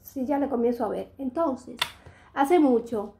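A woman's voice: high-pitched, lively intonation, a little slow, gravelly, mellow, slight background noise. A middle-aged woman with a Dominican accent, chatting casually to her vlog audience in a rambling way, often restarting her sentences. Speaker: vlogger. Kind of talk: casual chat to camera.

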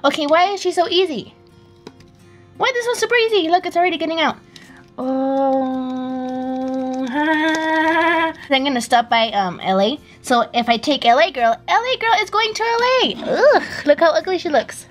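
High-voiced excitable woman vlogger. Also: normal speed, faint music behind. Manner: excitable, gasping and fretting while handling dolls. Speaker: doll vlogger. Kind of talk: casual vlog chat.

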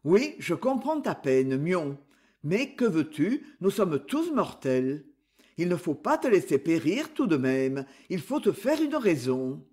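A man voicing a gentle elder brother from the countryside, who speaks softly, consoling and earnest. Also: fairly high pitch, very animated, slow.

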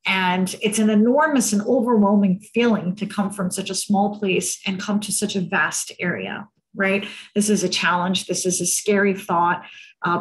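A woman's voice: mid-range voice, poor audio. American woman presenting over a headset. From United States. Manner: earnest, frequent tag "right?" and "um". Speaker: guest speaker on cultural competence. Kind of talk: presentation over a video call. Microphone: headset on a video call.

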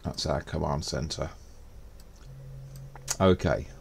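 A man's voice: extremely low pitch, takes it slowly, gravelly, breathy edge. A man streaming a space game, chatting casually as he plays and muttering to himself. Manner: muttering to himself while playing. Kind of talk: casual gameplay commentary.

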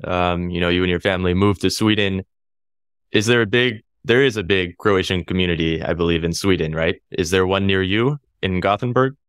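Man, podcast host, very low voice, dry close studio mic, relaxed and chatty. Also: brisk, clean tone, dry recording. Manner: relaxed, chatty, laughs often. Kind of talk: casual interview. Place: small home studio, indoors. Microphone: studio mic on boom arm, headphones.

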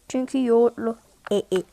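A woman giving excitable live gameplay commentary. She pleads and shouts at the game in repeated bursts and chats to viewers in between. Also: a little high, creaky. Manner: chatty asides to viewers. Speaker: mobile game streamer.

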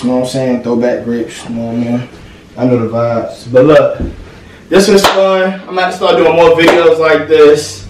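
A man's voice: medium pitch, darkish tone, recorded from a distance. Slangy young man vlogging off-mic. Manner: slangy, laid-back, keeps asking "you feel me". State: out of breath. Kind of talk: casual haul vlog. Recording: echoey room, off-mic, faint hiss.

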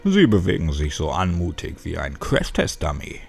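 A man's voice: extremely low pitch, wildly swooping pitch, moderate pace, gravelly, slightly rough, faint music behind, voice pushed down, full character voice. A man voicing a sarcastic middle-aged male police officer who talks in a dry, mocking way. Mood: sardonic. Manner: teasing, dry and sneering.

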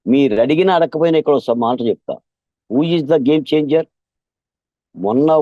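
A man speaking as a political guest in an impassioned interview, emphatic and repetitive, often growing loud and intense. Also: on the high side, no echo, highs cut off. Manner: emphatic, repeats lines, gets louder and more intense.

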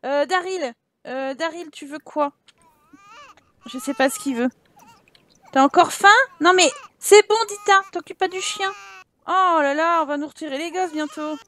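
A woman commenting on her life-sim game playthrough in a chatty, animated way, laughing often and exclaiming at what happens on screen. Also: sits high, normal speed, pauses often. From France. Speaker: gaming YouTuber. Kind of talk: Let's Play commentary.

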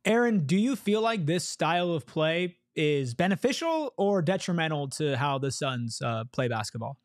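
A young man hosting a casual sports podcast, animated and joking as he tosses questions to his guests. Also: fairly high pitch, normal speed, no room sound, clean studio sound. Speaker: podcast host. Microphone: podcast microphone on a boom.

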